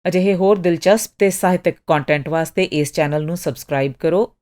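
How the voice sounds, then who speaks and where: A woman narrating a short story in an expressive, dramatic storytelling manner. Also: fairly low pitch, fairly quick.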